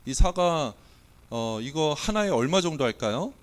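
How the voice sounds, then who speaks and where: Preaching in a church sanctuary despite a cold that keeps his voice from coming out well, a Korean pastor speaks at a fairly high pitch, unhurried and with lively intonation. He playfully quizzes his congregation and conducts a mock auction.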